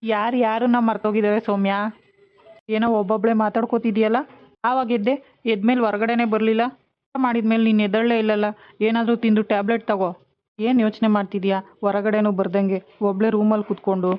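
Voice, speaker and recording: An actress playing a teasing husband torn between two wives, with a quick, teasing way of talking. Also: female voice, mid-range voice, flat delivery, close to an everyday voice. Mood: calm. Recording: dull lo-fi sound.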